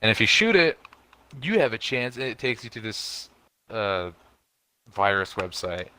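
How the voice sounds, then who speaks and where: A man's voice: measured pace, slight background noise, rough recording. A young man co-hosting a podcast, chatting casually, swearing often and yelping up when exasperated. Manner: animated, swears a lot, jumps up in pitch when exasperated. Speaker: podcast co-host. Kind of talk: casual chat.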